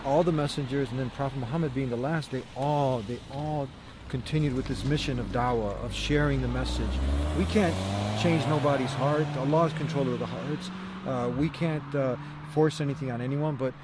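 Man, mid-range pitch, earnest preacher-style vlog talk, repetitive phrasing, recorded outdoors with light traffic noise. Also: normal speed, few pauses. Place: outdoors outside a church in town.

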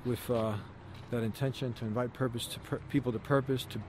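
An earnest man speaks as a vlogging preacher, in a mid-pitched voice over faint street noise. His phrasing is informal and often repeats itself as he makes his point. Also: fairly even intonation, brisk. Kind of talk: casual vlog talk with religious preaching. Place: outdoors outside a church in town.

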